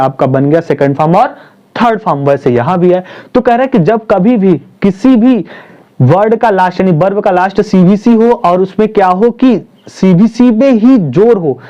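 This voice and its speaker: Man, high mellow voice, grammar teacher, repetitive question-and-answer delivery, dull lo-fi sound. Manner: repeats points, asks and answers his own questions; spells out terms slowly, stresses syllables. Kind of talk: Hindi classroom-style grammar lesson. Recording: dull lo-fi recording.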